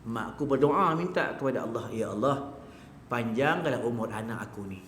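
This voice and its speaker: A man's voice: medium pitch, normal speed, slight background noise. A man with a Malaysian Malay accent giving an evening mosque lecture, telling a story with humour and acting out its voices. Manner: animated, joking, acts out voices in the tale. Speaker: religious teacher. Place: mosque hall. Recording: echoey hall with long reverb.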